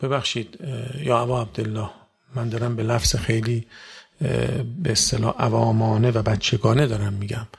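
Guy giving a sermon, gravelly voice, keeps firing off questions and suddenly getting loud. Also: level tone. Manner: rhetorical questions, sudden loud rises in pitch. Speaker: preacher. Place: religious gathering with audience.

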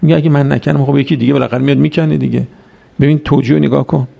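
Gravelly-voiced preacher giving a sermon. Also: male voice, mid-range voice, fairly even intonation, dark tone. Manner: exhorting, rhetorical questions, quotes Arabic verses. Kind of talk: religious sermon.

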